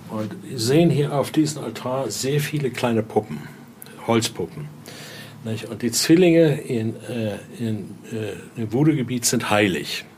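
A man with a lowish voice, heard over slight background noise, gives an informal tour of a Voodoo altar exhibition he collected. He tells stories as he goes, and many of his sentences end in brief question tags.

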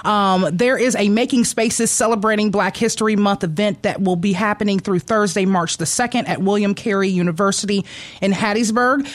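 A man hosting a radio show, chatting casually and reading announcements in an upbeat, brisk way from a studio. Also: high voice, steady tone.

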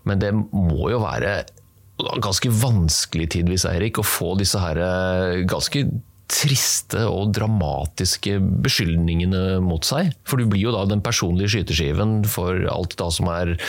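Man, podcast host, fairly low voice, conversational interviewing, dry recording. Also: creaky, no echo.

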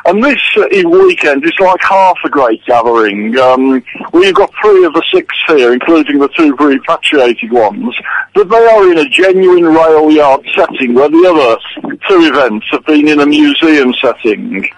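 An older man from England comes through a telephone line, calling in from outdoors. His voice sits a little high and swings widely in pitch. He sounds eager, and he often stops to say um while he thinks. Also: animated, unhurried, no echo. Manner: enthusiastic, with frequent ums. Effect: heard over a telephone line. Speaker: guest author. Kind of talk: casual phone interview. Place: outdoors at a rail yard event.

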